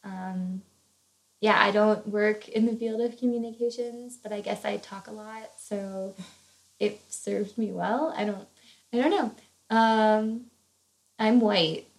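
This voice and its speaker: A woman's voice: mid-range voice, takes it slowly, creaky, rough recording. A woman in her early twenties from Virginia, co-hosting a podcast in chatty casual talk with bubbly, giggly asides. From Northern Virginia, USA. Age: 20s. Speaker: podcast co-host. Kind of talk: casual chat.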